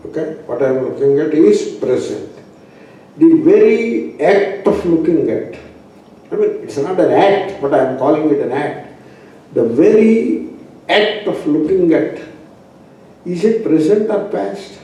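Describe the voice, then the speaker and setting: Male Indian-accented swami for a philosophy class: very mellow tone, unhurried pacing, emphatic repetition, recorded in a reverberant room. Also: a little high, animated. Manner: didactic, emphatic, repeating phrases. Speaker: spiritual teacher, swami. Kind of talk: spoken philosophy class with rhetorical questions. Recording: very echoey room, distant mic.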